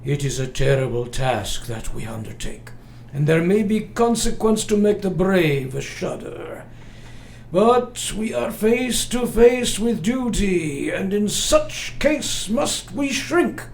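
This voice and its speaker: An actor playing an old foreign professor and vampire hunter in a radio play, speaking with grave, formal, halting earnestness. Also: male voice, high voice, sing-song, gravelly, full character voice. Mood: grave, resolute. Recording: roomy, faint background noise.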